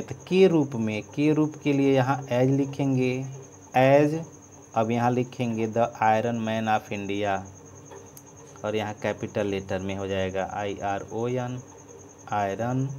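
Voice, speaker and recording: A man teaching an English lesson, spelling words out letter by letter as he writes and trailing off softly. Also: mid-range voice, a little hiss or hum. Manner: dictates letter by letter, trails off softly while writing. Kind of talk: slow board-writing lesson, spelling out words.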